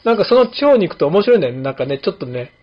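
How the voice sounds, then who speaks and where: A man's voice: on the high side, very fast. Male host from Kumamoto, late 50s, rambling anecdotal chat on dull lo-fi audio. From Kumamoto, Japan. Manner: relaxed storytelling with many fillers. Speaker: podcast host, barber. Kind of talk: casual chat.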